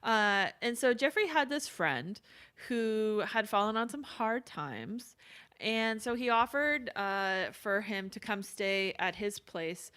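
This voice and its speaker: A woman co-hosting a true-crime podcast, talking loosely with plenty of "um" and "uh". Her voice sits in an ordinary middle pitch. She slips into short quoted lines as she tells the story. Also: lively intonation, takes it slowly, fairly bright tone, smooth. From not from England. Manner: conversational, many fillers and quoted asides. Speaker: podcast co-host. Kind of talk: casual true-crime chat.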